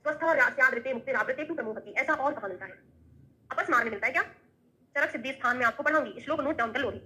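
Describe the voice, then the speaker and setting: Woman teacher, brisk classroom lecturer, slightly high and crisp, constant tag questions. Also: sharp tone, low-quality recording. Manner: rapid, explains with questions and Sanskrit verses; frequent tag questions like "hai na". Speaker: Ayurveda teacher.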